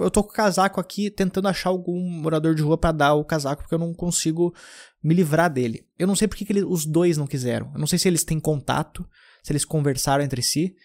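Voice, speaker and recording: A young man from southern Brazil hosts a podcast, telling loose, rambling anecdotes in casual chat and often restarting his sentences. His voice is a little high and a little mellow, steady in tone, and he talks fast.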